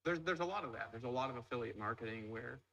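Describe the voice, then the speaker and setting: A man's voice: mid-range voice, expressive, quick pace, bright, forceful tone, poor audio. A man hosting an interview, with upbeat, salesy enthusiasm as he introduces and questions his guest. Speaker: host. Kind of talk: casual interview.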